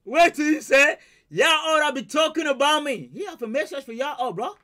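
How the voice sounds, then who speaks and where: A fairly high-voiced man in his thirties, hyped and often laughing as he reacts to a concert clip. He talks straight to his viewers through a headset mic in a small home studio. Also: fairly quick, a loud crowd, heavy background noise. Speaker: reaction video host. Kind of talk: excited reaction commentary. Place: small home studio with purple lights, indoors.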